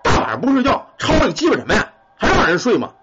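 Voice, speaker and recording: A man's voice: sits high, wildly swooping pitch, quick pace, a bit bright, slight background noise, exaggerated voice. A man playing a hot-tempered young salesman who curses a lot. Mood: angry. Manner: cursing, blustering. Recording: muffled lo-fi recording.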